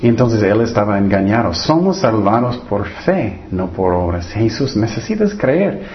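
A man's voice: on the low side, very animated, normal speed, lo-fi sound, slight background noise. A man preaching a sermon and reading from the Bible. He often restarts his sentences and throws rhetorical questions at his listeners. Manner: acts out the voices of the people in his stories.

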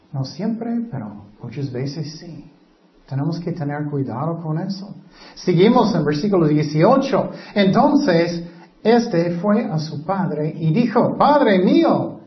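A man preaching slowly and deliberately, his voice pitched a little high for a man. He sounds far from the mic in a roomy hall, and the recording is dull and lo-fi. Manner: rises in pitch and volume for questions and quoted lines, drops low on asides. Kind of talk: sermon, reading and explaining scripture. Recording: roomy, distant, dull low-fidelity sound.

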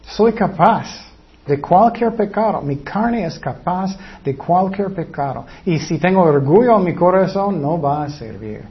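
A man preaching a sermon, who reads Bible verses slowly and asks the listeners to fill in words. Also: high-pitched, animated, muffled recording.

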